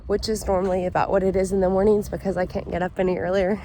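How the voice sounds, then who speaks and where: A woman vlogger talks casually in a slightly raspy voice, at a middling pitch. She rambles through friendly asides, and there is clear ambient noise behind her. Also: little pitch movement, quick pace, mellow. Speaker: vlogger hosting a week-in-my-life video. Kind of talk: casual chat to camera.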